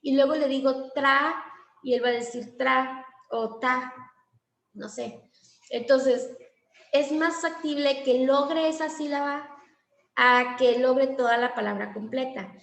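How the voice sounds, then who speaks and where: A woman's voice: high-pitched, steady tone, unhurried, vocal fry, reverberant. A woman giving a lecture on language therapy, explaining step by step and acting out short exchanges between teacher and child. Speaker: teacher trainer.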